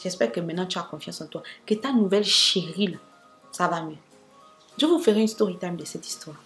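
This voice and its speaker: A woman's voice: fairly low pitch, fairly quick, a bit bright, faint music behind. A young woman telling a dramatic storytime vlog, talking straight to her viewers with asides. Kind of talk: animated storytime monologue.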